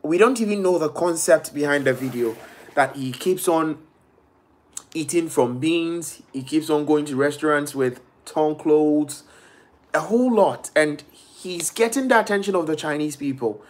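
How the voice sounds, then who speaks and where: A young man from Ghana live-streams from a small bedroom, talking casually and animatedly into a laptop or phone webcam held at arm's length. His voice is fairly high and a little slow. He gestures a lot and quotes people in shifting voices.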